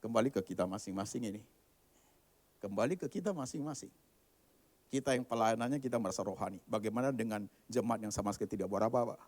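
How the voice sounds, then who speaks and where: A man's voice: lowish voice, quick pace. Dramatic male pastor preaching. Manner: dramatic preaching, swinging from quiet asides to loud emphatic declarations; sprinkles English words into casual speech. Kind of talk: live church sermon.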